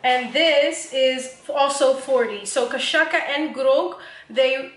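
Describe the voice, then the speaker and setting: A woman's voice: sits high, slow pace, reverberant, slight background noise. A young woman making a casual cooking vlog in her home kitchen, chatty and joking, laughing often and swearing casually. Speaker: vlogger.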